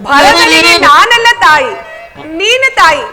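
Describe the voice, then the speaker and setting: A proud royal mother, as a woman plays her declaims her lines in a village stage drama. The voice is very high and carries far, each phrase drawn out with feeling. Stage music plays behind her. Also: animated, slow pace, exaggerated voice. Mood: pondering. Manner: declamatory, emotional stage delivery. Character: proud, wavering young queen, mother. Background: stage music accompaniment.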